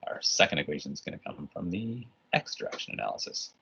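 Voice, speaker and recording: Super low husky guy teaching physics online, keeps restarting, dull lo-fi sound. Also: sing-song, fast talker, sharp tone. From Canada. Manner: casual, rambling, lots of restarts and "right?". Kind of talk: recorded online lesson. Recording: dull lo-fi recording.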